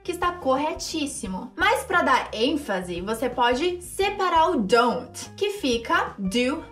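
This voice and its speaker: A high-pitched woman with a Brazilian Portuguese accent gives an upbeat English lesson. She talks in an animated way and slows right down whenever she models an English phrase. Soft music runs underneath her voice. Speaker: English teacher.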